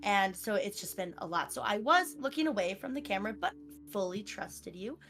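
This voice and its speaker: A woman voicing a frazzled woman in a tabletop game, flustered and rambling, talking quickly. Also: medium pitch, expressive, a bit bright, soft background music. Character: frazzled woman running kids' trials.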